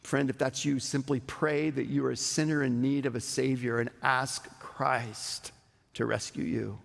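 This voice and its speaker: A man preaches in a church sanctuary, his gravelly voice trailing off into a long hall reverb. He takes his time, leaning on single words and leaving dramatic pauses between them. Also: mid-range voice, steady tone. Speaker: pastor. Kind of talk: sermon.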